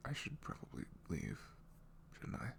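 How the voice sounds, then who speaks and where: Cast as an awkward, apologetic college-age ex-boyfriend in an intimate ASMR audio roleplay, this young man talks softly, often near a whisper. His lightly acted delivery is hesitant and halting, trailing off in an apologetic mood. A little hiss or hum sits under the recording.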